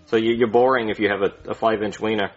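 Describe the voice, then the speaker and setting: Lightly acted, this man's fairly low voice moves fast with a steady tone. He portrays a bumbling, insecure doctor full of self-loathing, rambling and stammering, then screaming insults at himself, all captured on a dull lo-fi recording.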